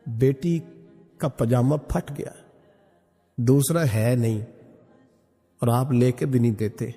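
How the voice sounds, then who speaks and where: A man voicing a tearful, gentle wife and mother who speaks in a soft, pleading way, his voice dropped low. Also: steady tone, husky. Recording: long hall reverb with faint music.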